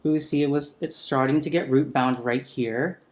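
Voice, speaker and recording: A man talking casually while repotting a houseplant at home, gently enthusiastic, speaking into a sensitive close mic turned up for ASMR. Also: a little high, fairly even intonation, moderate pace. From San Francisco area. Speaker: plant vlogger. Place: home room with a chandelier.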